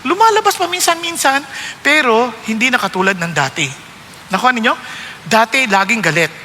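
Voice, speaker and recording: A man's voice: very high-pitched, lively intonation, a little fast, sharp tone, in a large hall, slight background noise. A Filipino man preaching a sermon as pastor, mixing Tagalog and English and putting questions to his listeners. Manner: switches between Tagalog and English, asks the room questions.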